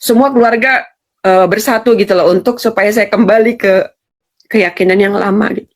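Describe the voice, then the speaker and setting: A woman's voice: medium pitch, fairly even intonation, moderate pace. A woman giving an earnest personal testimony in an interview, often addressing the host directly.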